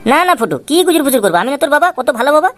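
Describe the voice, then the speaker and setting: A sly cartoon father, played by a woman, who sweet-talks his son in a rapid, slightly high patter. Clear music plays behind him throughout. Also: very animated. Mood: coaxing. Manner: coaxing aloud, cursing in low mutters. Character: scheming father, sweet to son, grumbling aside. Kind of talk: Tweencraft cartoon voice acting.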